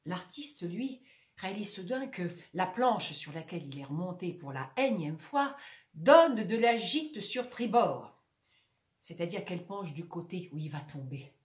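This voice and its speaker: A woman's voice: fairly low pitch, unhurried. Woman reciting with dramatic flair. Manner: expressive, dramatic swings between bright and hushed. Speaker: reader of literary texts. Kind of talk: theatrical recitation of a comic monologue. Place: room at home. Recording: roomy echo.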